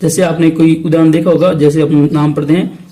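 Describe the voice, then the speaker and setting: High-voiced Hindi teacher quizzing himself. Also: male voice, little pitch movement, mellow. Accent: Rajasthani Hindi. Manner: asks questions then answers them himself; repeats key terms slowly. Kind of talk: exam-prep lesson.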